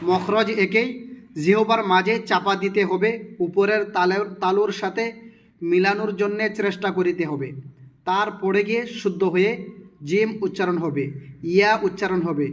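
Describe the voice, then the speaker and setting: A man's voice: high-pitched, a little hiss or hum. A man teaching Quran reading, spelling out letters and vowel marks syllable by syllable with short explanations, in a Bangladeshi Bengali accent. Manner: drawn-out syllable-by-syllable spelling with instructions. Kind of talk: slow spelled-out recitation lesson.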